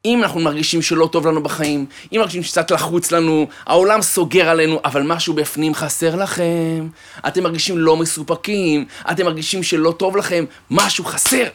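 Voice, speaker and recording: A man giving a sermon, an animated storyteller who fills it with jokes and speaks fondly to his listeners. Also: fairly high pitch. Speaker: preacher. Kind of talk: sermon with joke-telling.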